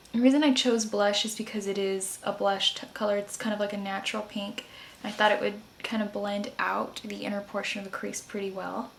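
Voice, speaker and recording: Female makeup tutorial host, informal step-by-step chat, noticeably creaky delivery, slight noise behind. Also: mid-range voice. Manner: chatty, informal, explaining each step.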